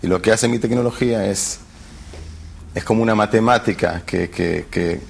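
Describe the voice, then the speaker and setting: A man's voice: on the low side, moderate pace, vocal fry, slightly rough. A man, a tech company founder who hesitates and restarts often as he searches for words in a TV interview. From Argentina. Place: television studio.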